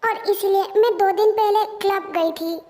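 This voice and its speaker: A woman putting on a hot-headed young female boss from a fan-made audio story. The voice is very high, and she scolds and complains bluntly. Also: fairly even intonation, moderate pace, dark tone. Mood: ranting. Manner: scolding, ranting.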